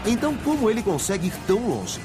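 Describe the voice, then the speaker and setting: A man's voice: high voice, very animated, fast talker. A man with a Brazilian accent reading scripted, dramatic documentary narration. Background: music bed.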